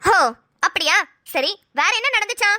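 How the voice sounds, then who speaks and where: A woman voicing a defiant, sharp-tongued wife. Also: very high-pitched, animated, moderate pace, no room sound, studio quality, full character voice. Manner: scolding, confrontational.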